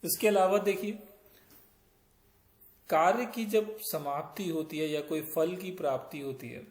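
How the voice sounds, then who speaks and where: A man teaches Sanskrit grammar in a slow, patient way, building up each example step by step. His voice sits a little high for a man. The recording is roomy, with a clear echo around him. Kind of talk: grammar lesson, explaining in Hindi.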